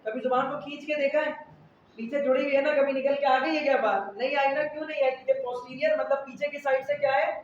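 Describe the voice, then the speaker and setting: Guy teaching bio class, keeps quizzing students, fairly high voice, far off in a really echoey room. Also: steady tone, quick pace, a little hiss or hum. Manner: quizzes students with repeated questions. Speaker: biology teacher. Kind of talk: classroom lecture. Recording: echoey lo-fi room recording from afar.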